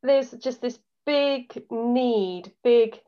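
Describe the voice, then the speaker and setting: A woman interviewer asks questions and shares her own experiences in an eager, searching and halting way. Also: fairly high pitch, dark tone. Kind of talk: curious interview chat. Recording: slightly dull lo-fi sound.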